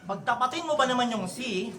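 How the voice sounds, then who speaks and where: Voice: medium pitch, lively intonation, fairly quick. A battle rapper firing brash insults at an opponent and playing to the crowd between lines. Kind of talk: rap battle verse delivered to an opponent. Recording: live battle recording with a loud crowd and heavy noise. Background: loud crowd.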